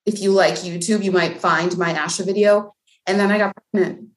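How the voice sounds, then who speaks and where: Speaking in an echoey room, a bilingual speech language pathologist from Mexico chats casually as a podcast guest, often filling her speech with "like" and "um." Her voice is medium-pitched with a steady tone and moderate pace.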